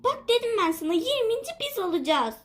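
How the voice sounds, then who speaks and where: A woman's voice: very high-pitched, big pitch swings, fairly quick. A woman voicing a timid young girl pet in a toy figure video, whiny and panicky, given to shrieks and sobs. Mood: anxious.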